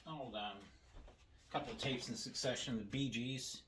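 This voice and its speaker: An older man speaks at normal speed in a medium-pitched voice, casually narrating a show-and-tell of his cassette tapes at home. He rambles and restarts his words repeatedly, and faint background noise can be heard.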